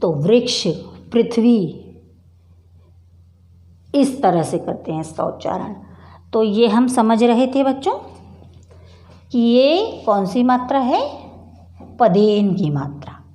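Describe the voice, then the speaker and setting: Woman, primary school teacher, slow deliberate pace, repeats and quizzes the class, middle-aged. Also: on the high side, very animated, warm tone. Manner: patient, repeats words and asks the class questions. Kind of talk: slow board lesson for children.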